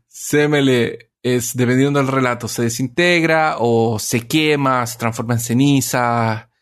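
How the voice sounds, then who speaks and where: A man retells a myth slowly in a medium-pitched voice, casually and conversationally. He rambles with lots of fillers and false starts, fixing his own mistakes along the way.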